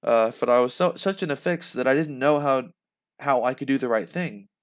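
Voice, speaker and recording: Animated young man reading a novel aloud. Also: mid-range voice, moderate pace. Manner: animated, laughs and breaks off mid-sentence. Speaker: reader reacting live.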